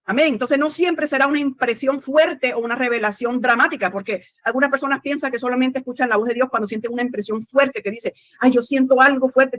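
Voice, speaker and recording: A woman's voice: sits high, fairly bright tone, no echo. A woman preaching a sermon in an earnest teaching tone, asking her listeners questions and often saying "amen". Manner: frequent "amén" and rhetorical questions to the congregation; earnest teaching tone with small restarts.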